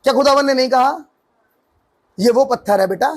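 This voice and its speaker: Very high-voiced man preaching a sermon. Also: normal speed. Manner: preaching with rising emphatic questions. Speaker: pastor.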